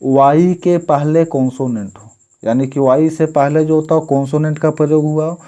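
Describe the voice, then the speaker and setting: A man's voice: on the high side, steady tone, mellow, muffled recording. A man from India, teaching an English grammar lesson and reading word lists out one at a time. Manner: explains slowly, reads word lists out one by one. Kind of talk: classroom-style grammar lesson.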